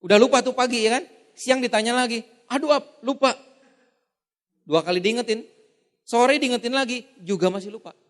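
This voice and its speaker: Man, high-pitched, seminar trainer, animated, laughs often, echoey hall. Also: brisk. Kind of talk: lively motivational seminar talk.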